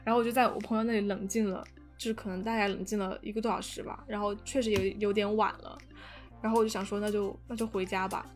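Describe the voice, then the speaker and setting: A young woman telling a story in casual chat, animated and full of fillers and restarts. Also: mid-range voice, quick pace, soft background music. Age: young adult. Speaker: podcast guest storyteller.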